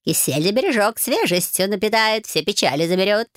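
A woman voicing an ancient, proud male magic cat who speaks slowly and haughtily and slips meows in between his words. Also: medium pitch, animated, no echo, clean studio sound, close to an everyday voice. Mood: instructive. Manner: slow, drawn-out, haughty, with meows. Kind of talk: audiobook character voice.

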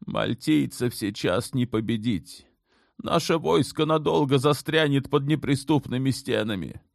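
A man's voice: mid-range voice, unhurried, creaky, no room sound, clean studio sound, pitched above the performer's own voice. A man voicing the sultan's mother in an audiobook, an older woman who speaks firmly and measuredly, clipped when pressed. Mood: stern. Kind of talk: audiobook character voice.

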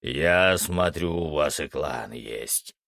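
A gravelly old werewolf, as a male reader puts him on, growling every word low and slow. The voice sits very deep and rough with fry, wary and grumbling, its pitch rolling widely, recorded dry and close. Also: lively intonation, fairly bright tone, no room sound, exaggerated voice. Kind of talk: audiobook character voice.

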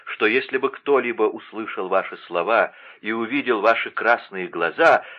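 A courteous young count, restrained and tender, hiding his love behind formal respect, as a male reader gives him voice. The voice is low and even, with a dull, lo-fi sound. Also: moderate pace, lightly acted.

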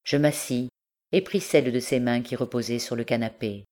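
A woman narrating a classic novel as an audiobook, in a measured, unhurried way. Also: a bass voice, steady tone, dark tone.

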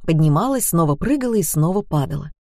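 A woman narrating an audiobook in a lively storytelling way, close to the mic. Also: sits low, fast, no room sound. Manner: lively storytelling with many character voices.

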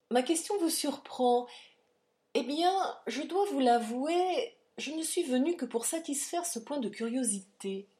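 A woman voicing a cold, ironic male count who threatens with smooth, polite cruelty, in an audiobook reading. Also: a little high, warm tone, pitched above the performer's own voice, natural voice.

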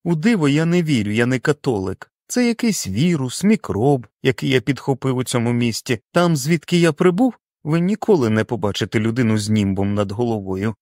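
A man's voice: mid-range voice, expressive, brisk, hardly any pauses, a little mellow, no echo, studio quality, close to an everyday voice. A man doing a stubborn grumbling husband. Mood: scoffing.

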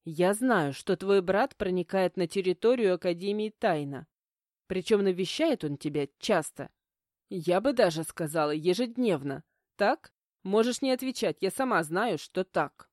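A woman's voice: fairly low pitch, animated, measured pace, darkish tone, no echo, studio quality. A woman voicing a stubborn young female student who snaps back indignantly in an audiobook. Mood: accusing. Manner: snappish, indignant.

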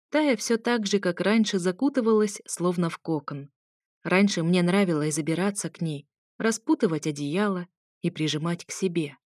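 A woman's voice: lowish voice, a little mellow, no echo, studio quality. A woman reading a first-person story aloud, in a wry, conversational way. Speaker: audiobook reader.

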